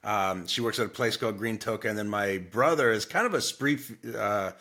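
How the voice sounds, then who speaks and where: Chill 40s sales coach guy, bright forceful tone, kinda halting with uhs. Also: lowish voice. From Ohio, USA. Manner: relaxed, easygoing, with halting fillers. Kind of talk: casual interview chat.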